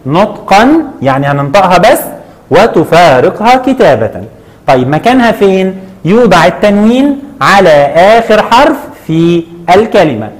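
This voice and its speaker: A man with an Egyptian accent teaching a children's lesson. He patiently asks questions and answers them himself, stretching words out slowly. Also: high-pitched, sing-song. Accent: Egyptian Arabic. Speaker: primary school Arabic teacher.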